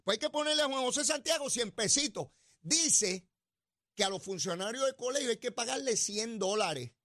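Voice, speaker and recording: A middle-aged man with a Puerto Rican accent hosting an opinionated political talk show in a mocking, animated way. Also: extremely high pitch, moderate pace, dry recording, clean studio sound. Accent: Puerto Rican Spanish. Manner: animated, mocking, drops into comic voices. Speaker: radio and TV show host.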